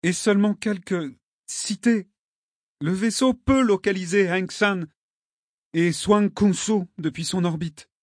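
A man's voice: high-pitched, slow pace, dry recording, clean studio sound, pitched above the performer's own voice. A man reading an audiobook, voicing a sad, cryptic young woman in a raised voice. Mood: instructing. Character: young woman, wistful, gently mischievous guide.

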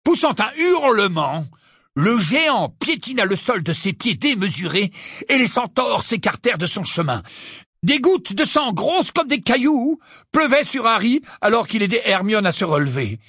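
Husky, expressive male audiobook narrator. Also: high voice, moderate pace, no echo, studio quality. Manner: dramatic, expressive reading. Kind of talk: scripted narration.

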